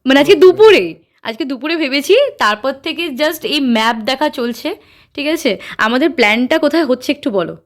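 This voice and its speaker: Chatty high-voiced woman vlogger. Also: lively intonation, fairly quick, dry recording. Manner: chatty, addresses viewers as friends. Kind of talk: casual travel vlog narration.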